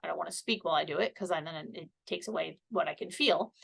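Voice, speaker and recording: A woman's voice: fairly low pitch, quick pace, gravelly, breathy edge. A woman giving a casual, chatty health presentation from a seated position, explaining things step by step. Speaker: health educator. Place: seated indoors.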